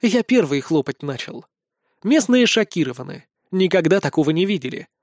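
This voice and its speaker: A man reading a first-person fantasy novel aloud, with lively, expressive storytelling. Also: fairly high pitch, normal speed, no room sound, studio quality. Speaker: audiobook narrator.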